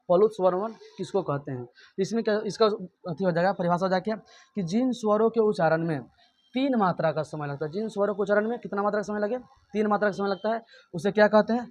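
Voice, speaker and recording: High-voiced man teaching grammar drills. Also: no echo. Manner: asks the class questions and answers them himself, repeating each point. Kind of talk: blackboard grammar lesson.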